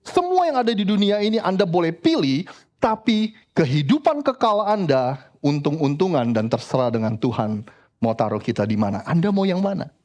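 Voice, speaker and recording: A pastor preaching a sermon in church, lively and direct, often addressing the congregation as brothers and sisters. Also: male voice, a little high, normal speed. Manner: animated preaching, frequently addressing the congregation as "saudara".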